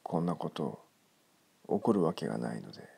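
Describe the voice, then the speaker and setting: A man reading a ghost story in a hushed, creepy manner, his gravelly, breathy voice often close to a whisper. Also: extremely low pitch, big pitch swings, moderate pace.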